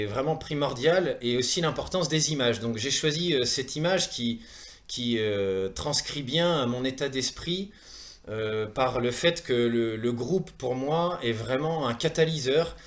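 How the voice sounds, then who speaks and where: A Frenchman in his thirties from Saumur, Maine-et-Loire, speaks in a mid-range voice as the presenter of a wellness training programme. His semi-prepared presentation comes across earnest and hesitant, full of pauses and repeated words.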